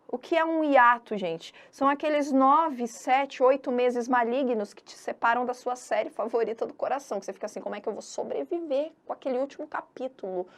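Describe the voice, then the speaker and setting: A woman from Brazil giving an online exam-prep grammar lesson in a chatty, teasing way, drawing out syllables to stress a point. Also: high voice. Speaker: Portuguese teacher.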